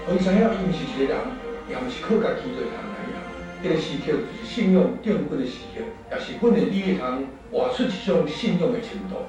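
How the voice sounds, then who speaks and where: A man's voice: fairly high pitch, recorded from a distance. Echoey Taiwanese Hokkien man, music underneath. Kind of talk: earnest scripted testimony.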